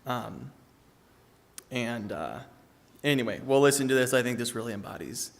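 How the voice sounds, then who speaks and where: A man giving a eulogy for his sister, telling fond stories with hesitant fillers and soft laughs. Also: mid-range voice, animated, moderate pace, gravelly, in a large hall. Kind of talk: memorial eulogy. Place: church sanctuary.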